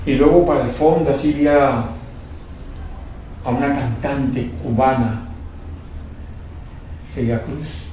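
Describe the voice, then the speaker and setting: A man's voice: medium pitch, fairly even intonation, slow pace, pauses often, warm tone. Fervent man testifying in an echoey room. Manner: fervent, repetitive, stumbling restarts. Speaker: testimony speaker. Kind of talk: emotional religious testimony. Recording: echoey room, distant mic, faint noise.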